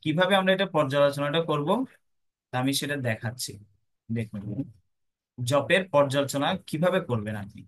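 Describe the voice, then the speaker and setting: A man gives a devotional talk in a voice a little higher than most men's. He teaches by asking rhetorical questions and answering them himself, with a patient, explaining manner. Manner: chants the mantra softly. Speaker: devotional speaker. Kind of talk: Bengali devotional class.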